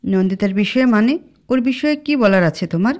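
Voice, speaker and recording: Here is a stubborn, moody young man from a spoken storybook, voiced by a woman. His words are short and pointed. The tone is soft and mellow, pitched slightly above a plain speaking voice. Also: animated, brisk, lightly acted. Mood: weary.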